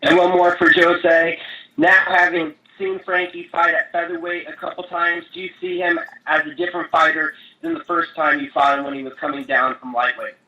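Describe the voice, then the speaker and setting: A man's voice: on the high side, little pitch movement, moderate pace, sharp tone. A male reporter putting questions to guests over a telephone conference line. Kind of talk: press call questioning. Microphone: telephone conference call. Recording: muffled, faintly noisy phone line.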